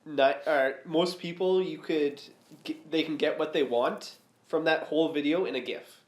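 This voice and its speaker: A man's voice: on the high side, normal speed. A man co-hosting a podcast in casual chat, rambling with lots of filler likes. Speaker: podcast co-host. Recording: roomy echo.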